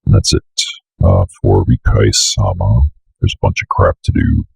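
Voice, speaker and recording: A young man guides viewers through software in a casual screen-recorded walkthrough, his voice extremely low, husky and full of vocal fry, a slight cold audible. He keeps fairly even intonation at normal speed, muttering asides. The close recording at his indoor computer desk is dry with no echo.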